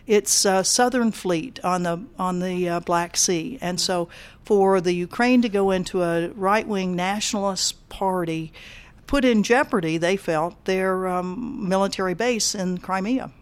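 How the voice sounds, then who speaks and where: Speaking in a mid-range voice, an older peace activist responds to an interviewer in a relaxed way, often stopping, using fillers, and starting her sentences over.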